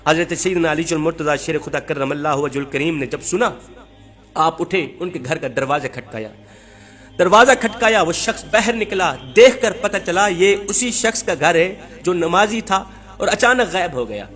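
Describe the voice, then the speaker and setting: A man's voice: fairly high pitch, animated, normal speed, fairly bright tone. A man preaching a sermon, telling a moral story with emphatic repetition and rhetorical questions.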